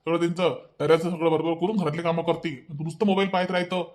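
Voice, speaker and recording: Bossy whiny cartoon husband, a man doing the voice, vidarbha marathi accent, fast and high, nags nonstop. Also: level tone, darkish tone, natural voice. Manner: nagging, repeats himself in rapid bursts. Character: grumbling young husband, bossy and petulant. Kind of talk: cartoon voice acting.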